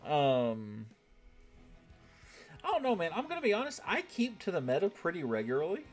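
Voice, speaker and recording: With faint music in the background, an American gaming streamer talks at normal speed in a slightly high voice whose pitch swoops wildly. He keeps things casual, reading chat messages aloud and leaning on tag questions such as "right?".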